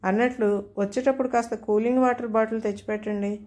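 A woman's voice: on the high side, fairly even intonation, quick pace, darkish tone, lightly acted. A woman reading a storybook tale, voicing a pushy, freeloading middle-aged man who wheedles favours over the phone. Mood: wheedling. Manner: overfamiliar, wheedling.

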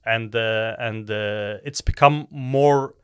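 A middle-aged man from Egypt, a company co-founder, giving measured explanations as a podcast guest with frequent restarts. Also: on the low side, clear, resonant tone, dry recording, clean studio sound. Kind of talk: podcast interview.

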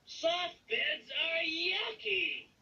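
A dull, distant recording of a woman putting on a grouchy male trash-can monster for a storybook. He complains slowly, with a hard, forceful edge. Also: animated, heavily acted. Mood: indignant yelling. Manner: grumpy, drawn-out complaining. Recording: distant, dull low-fidelity home recording.

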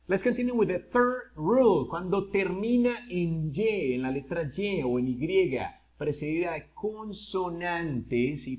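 A man teaching an English grammar lesson in Spanish, asking his students questions and switching into English for examples. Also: on the high side. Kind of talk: classroom-style video lesson.

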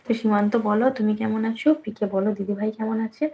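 Live-stream host, female, affectionate teasing chat with viewers, mid-pitched, slight fry. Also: little pitch movement, fast talker, dark tone, a little hiss or hum, low-quality recording. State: slightly out of breath. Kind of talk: casual live chat reading viewer comments.

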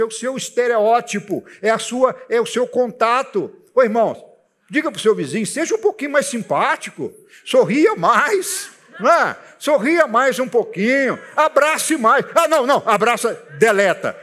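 A man preaching a sermon as a pastor, telling stories and putting questions to the congregation. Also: high voice. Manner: animated storytelling preacher, asks the congregation questions.

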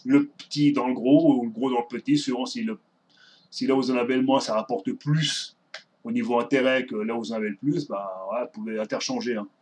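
A man's voice: mid-range voice, fairly even intonation, a little fast, darkish tone. A man, reading an official document aloud in a casual explainer and breaking off for asides and restarts. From Switzerland. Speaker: vlogger.

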